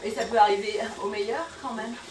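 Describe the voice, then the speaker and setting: A woman's voice: mid-range voice, fairly even intonation, brisk, background noise. A woman on stage reciting a poem in a comic sketch, stumbling over and garbling the words and giggling as she goes. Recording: echoey live room, distant mic, audience.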